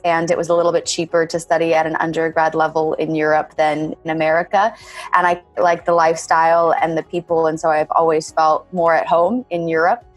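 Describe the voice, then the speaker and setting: Faint music sits behind this MBA graduate, a roughly thirty-year-old woman born in Bulgaria and brought up in California. Her interview answers come in a low, steady voice, measured in pace, and she leans on the phrase "kind of."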